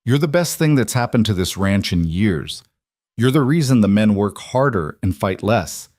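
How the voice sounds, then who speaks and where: A man voicing a proud rancher, delivering halting, heartfelt lines in a low, steady voice. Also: no room sound, clean studio sound, close to an everyday voice. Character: proud, struggling man who runs a ranch.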